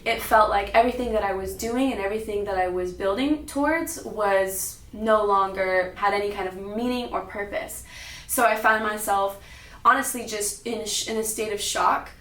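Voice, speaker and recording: Recorded on a distant mic in a spacious, echoey room, a young woman from Sacramento, California, in the United States tells her own story to an audience. She speaks at a normal speed in a mid-range voice with a fairly bright quality.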